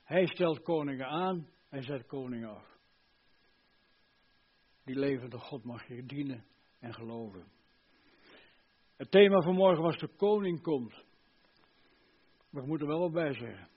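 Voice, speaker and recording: Older man preaching fervently, husky. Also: medium pitch, animated, moderate pace, pauses often, muffled recording. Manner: fervent, swinging from loud emphasis to hushed earnestness. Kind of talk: sermon.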